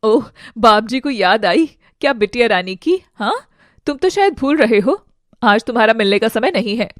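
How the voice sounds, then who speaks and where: A woman's voice: fairly high pitch, lively intonation, normal speed, no echo, studio quality, lightly acted. A woman voicing a cruel, scornful ex-wife in an audio drama, sneering and hurling insults. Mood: mocking. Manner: sneering, abusive, shouting insults.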